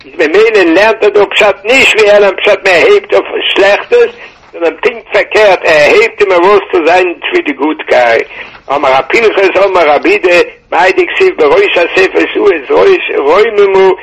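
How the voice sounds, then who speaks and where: A man teaching a Torah class, halting and repeating words, mixing Hebrew into with a tinge, over a muffled phone line. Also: sits high, a bit bright, husky.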